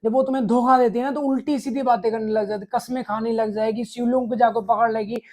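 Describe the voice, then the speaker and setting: A man's voice: very high voice, fairly even intonation, quick pace, a little mellow. A man delivering a blunt, crude, scolding advice monologue straight to the viewer, peppered with swearing. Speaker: relationship advice vlogger.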